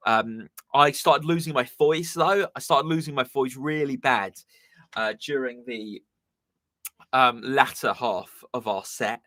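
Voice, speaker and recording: A young man with a southern English accent hosts his live stream as a musician, chatting casually and rambling with plenty of ums and uhs. His medium-pitched voice is unhurried, bright and forceful yet slightly strained, with no room sound.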